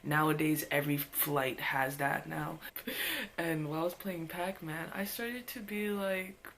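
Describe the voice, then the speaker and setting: A woman vlogger telling a personal story in a casual, animated way, full of filler words. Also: low voice, measured pace, slight background noise.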